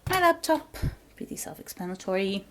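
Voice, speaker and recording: Walking through her small apartment with a handheld camera, a young vlogger from Belgium narrates a casual house tour room by room. Dutch is her first language, and her mid-range voice is very animated at a normal speed, broken up by giggles and the occasional whisper.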